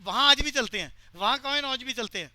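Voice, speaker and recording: A male teacher lecturing a class and pressing the students for quick answers. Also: extremely high pitch, animated, pushed and bright, dry recording.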